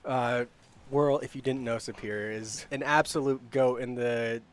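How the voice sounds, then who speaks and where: A man giving casual live color commentary on an esports match, chatty and quick to laugh. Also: mid-range voice, steady tone, clear, resonant tone. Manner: chatty, laughs often, gets loud on big plays.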